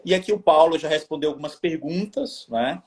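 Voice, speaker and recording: A Brazilian man co-hosts a live stream and reads the viewers' questions aloud. His voice is a little high for a man. He sounds upbeat and friendly as he greets people by name. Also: a little fast, darkish tone. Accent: Brazilian Portuguese.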